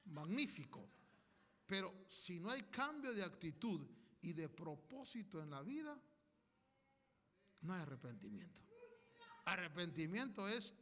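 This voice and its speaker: A man's voice: high voice, pushed and bright, big-room sound. A man preaching a sermon, emphatic, calling his congregation to repeat declarations after him and acting out quoted people.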